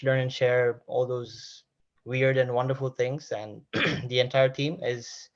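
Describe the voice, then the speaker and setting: A man's voice: medium pitch, dull audio. A man from Sri Lanka introduces himself on a video call, polite and formal. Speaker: product manager.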